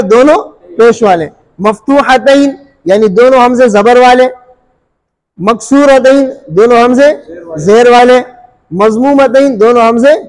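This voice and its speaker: A man teaching Quran recitation rules, repeating each point and asking the listener rhetorical questions, sometimes drawing out sounds slowly to demonstrate. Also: very high voice, poor audio. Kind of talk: Urdu tajweed lesson.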